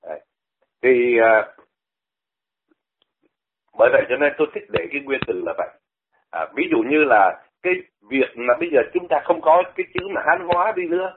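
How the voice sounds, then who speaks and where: A man's voice: mid-range voice, slight background noise. An older man from Vietnam, talking on the radio and explaining pronunciation in a conversational way, often repeating words to demonstrate them. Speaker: radio commentator. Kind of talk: radio talk, explaining language. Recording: phone-like radio line.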